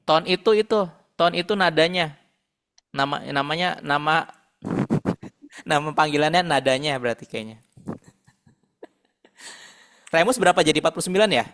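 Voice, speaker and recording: A man's voice: fairly high pitch, moderate pace, pauses often, a bit bright. A man tutoring a math class over a video call, patiently working through problems aloud. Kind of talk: online math lesson.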